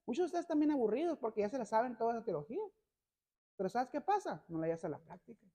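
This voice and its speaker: A male pastor preaching a sermon, constantly addressing the congregation as brothers and building to loud, emphatic passages. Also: extremely high pitch, very animated, racing. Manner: peppers every phrase with "hermanos".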